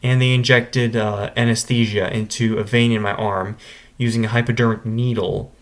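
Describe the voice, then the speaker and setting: A man's voice: fairly low pitch, level tone, normal speed. A man vlogging, casually telling a personal story to camera in a conversational way. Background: instrumental music.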